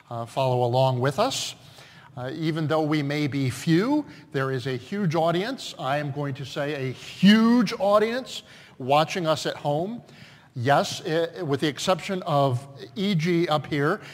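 A pastor leading a church service, his voice slightly high for a man. He stumbles through announcements with frequent fillers, then settles into measured liturgy. Long reverb rings through the sanctuary. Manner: halting, many fillers in announcements, measured in prayer.

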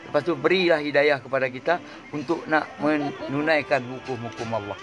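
An old Malaysian man in his eighties talks about faith in a slightly raised, halting voice, wandering between thoughts and dropping in Arabic phrases. He speaks close to a phone in a small indoor room. Music plays clearly behind him. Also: on the high side. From Kedah, Malaysia. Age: 80s. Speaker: interviewee. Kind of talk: religious reflection. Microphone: phone held close.

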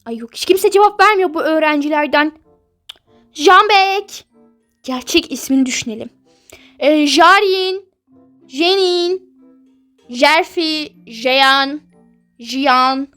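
A woman's voice: high-pitched, slow, pauses often, fairly bright tone, faint music behind. A woman voicing a dreamy, defensive teenage girl in a toy-game role-play, whiny and protesting. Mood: searching.

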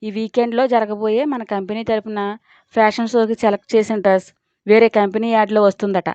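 Woman playing nervous coworker lady, soft confiding tone, dull audio. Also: mid-range voice, level tone, brisk, smooth, no echo, lightly acted. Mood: hushed. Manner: speaks softly, confiding. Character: nervous hushed woman office colleague. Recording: dull lo-fi dry recording.

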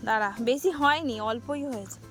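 Chatty woman home vlogger with a high voice, talking to viewers over background music. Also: a little fast, fairly bright tone, rough recording. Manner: chatty, addresses viewers as friends; instructs a small child while picking vegetables. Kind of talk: casual home vlog. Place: home and garden.

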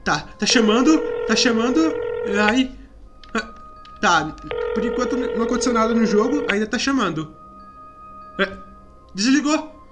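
A young man with a Brazilian accent commenting on a game for viewers, acting scared and excited. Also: very high voice, unhurried, long pauses. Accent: Brazilian Portuguese. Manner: dramatic, feigns fear, talks to viewers and companion. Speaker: gaming youtuber. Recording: background music under voice.

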